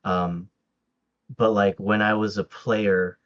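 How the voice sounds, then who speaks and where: On the low side and level in tone, this man speaks at a slow pace, with the highs cut off. As a podcast guest whose first language is Tagalog, he's in a casual interview chat. He hesitates, restarts, uses many fillers, and laughs often.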